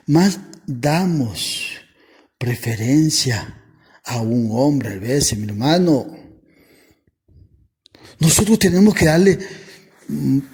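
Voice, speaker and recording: A man's voice: a little high, gravelly, a little mellow, breathy edge. A man preaching a personal testimony sermon, fervent and emotional, who keeps addressing his listeners as brother.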